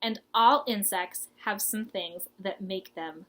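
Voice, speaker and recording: Speaking slowly in a medium-pitched voice that sounds pushed and bright, a young adult garden-class teacher gives a children's lesson at home in her living room. A little hiss or hum is audible as she explains things simply and urges the children to participate.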